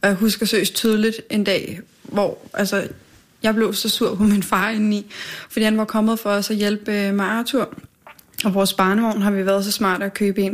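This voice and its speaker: A woman talking candidly and emotionally in a casual conversation, telling personal stories. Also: medium pitch. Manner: candid, emotional, fast storytelling. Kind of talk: casual chat.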